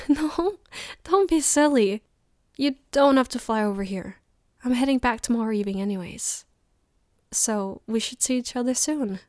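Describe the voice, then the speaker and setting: A woman playing a loving, tired girlfriend on a late-night call, in a soft, intimate ASMR role-play. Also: a little high, moderate pace, no echo, studio quality, close to an everyday voice. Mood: playful reassurance.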